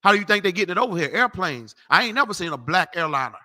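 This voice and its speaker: Brief: profane street preacher, man, high, tense, cutting. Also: very animated, racing, bright, forceful tone. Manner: brash, profane, mocking, tells people off. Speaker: street preacher teaching a class. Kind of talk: loud street-corner Bible teaching.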